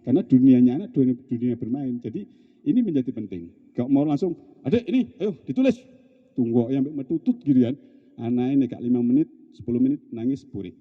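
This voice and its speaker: A middle-aged man with a Javanese accent leading a team-building debrief, lively and joking, acting out shouted instructions. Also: medium pitch, fast. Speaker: outbound training facilitator. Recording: dull, long-reverb hall.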